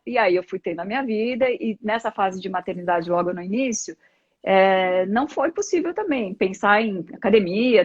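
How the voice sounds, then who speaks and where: A middle-aged Brazilian woman who practices yoga speaks conversationally as a guest on a live interview, reflecting on things and explaining them through examples. Her voice is medium-pitched without echo, though the live stream audio is dull and lo-fi.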